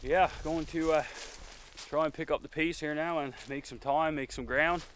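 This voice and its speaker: A man's voice: fairly high pitch, normal speed. A man, talking casually to camera while out of breath on a wilderness hike, with lots of fillers. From Newfoundland. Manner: relaxed, chatty, with frequent fillers. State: out of breath from hiking. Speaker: outdoor vlogger. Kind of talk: casual vlog talk to camera. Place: outdoors in windy wilderness. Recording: outdoor recording with clear wind and ambient noise.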